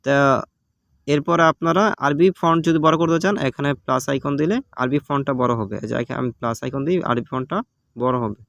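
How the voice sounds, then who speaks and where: A man's voice: mid-range voice, normal speed, gravelly, fairly bright tone, dry recording. A man with a Bangladeshi Bengali accent giving a casual step-by-step app tutorial, patient and repetitive, with many fillers. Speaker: tutorial host. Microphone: phone recording.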